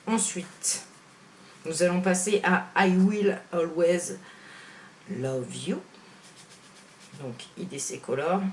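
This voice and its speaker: A woman beauty vlogger comparing makeup on camera, chatting frankly with viewers and filling pauses with fillers. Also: fairly low pitch, darkish tone, a little hiss or hum. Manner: chatty, hesitant, full of "voilà" and "hein" fillers; frank, opinionated. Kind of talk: casual product comparison vlog.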